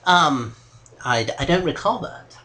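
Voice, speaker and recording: English man, comedy podcast host, pompous, flustered, stumbling, lively pitch. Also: a little slow. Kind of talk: mock-formal comedy podcast hosting.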